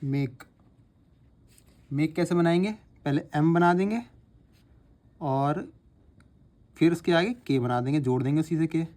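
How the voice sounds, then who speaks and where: A man teaching shorthand step by step, patiently repeating sounds slowly as he writes. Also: a little high, darkish tone. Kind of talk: explaining step by step while writing.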